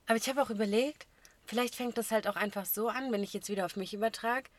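A young woman co-hosting a podcast, telling stories in a lively way with casual slang. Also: fairly high pitch, quick pace, dry recording. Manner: animated storytelling with slang. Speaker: podcast co-host.

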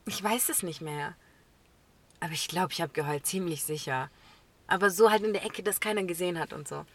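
A woman co-hosting a podcast, telling an animated story in casual chat, laughing often and acting out what people said. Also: fairly low pitch, a little fast, no echo. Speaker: podcast co-host.

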